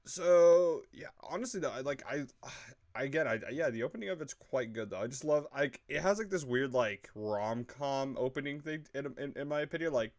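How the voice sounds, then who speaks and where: A man's voice: medium pitch, lively intonation, normal speed. A man co-hosting a casual show review, rambling with lots of fillers and frequent swearing. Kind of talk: casual chat.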